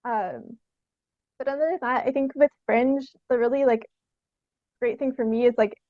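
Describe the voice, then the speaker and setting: With fairly even intonation and a moderate pace, a young Canadian woman speaks casually in an interview as a theatre artist. Her voice is on the high side, and she giggles often in the middle of sentences. The sound is dry and phone-quality.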